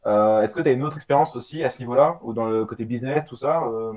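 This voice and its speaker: Man, casual interview host, mid pitch, easygoing informal questions. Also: fast, a little mellow.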